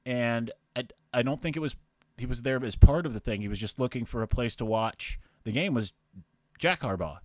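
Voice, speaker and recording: A man's voice: mid-range voice, moderate pace, a little mellow, no room sound, studio quality. A young man hosting a podcast, casually answering listener questions in a rambling way. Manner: rambling, with fillers and restarts. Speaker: podcast host.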